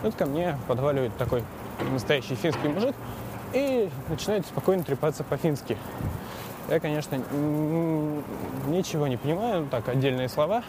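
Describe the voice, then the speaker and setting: A man riding his bike through the city talks for his podcast in a somewhat high, expressive voice at normal speed. His casual monologue wanders and hesitates, while heavy street traffic and urban noise dominate the background.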